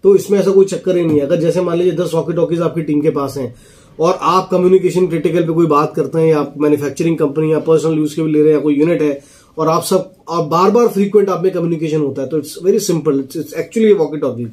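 Speaking fairly quickly in a slightly high, somewhat mellow voice, this Indian walkie-talkie seller in his thirties demonstrates a product casually and explains as he goes. He mixes English phrases into his talk inside a small office.

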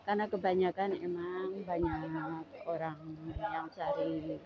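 A woman from Indonesia giving a slow, relaxed walking-tour commentary through an indoor mall. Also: sits low. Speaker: vlogger. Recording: dull lo-fi camera audio with loud mall noise.

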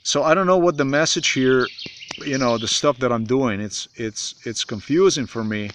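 A man in his forties from Slovenia with a Slovenian accent, speaking in a halting, repetitive, emphatic monologue to a phone camera in a forest. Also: medium pitch, fairly bright tone, a little hiss or hum. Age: 40s. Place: outdoors in a forest. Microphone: phone camera at arm's length.

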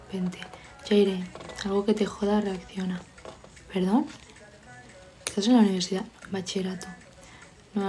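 A young adult woman from Spain livestreams from home while studying, teasing her viewers and reading their comments aloud. Her voice is warm and mid-range.

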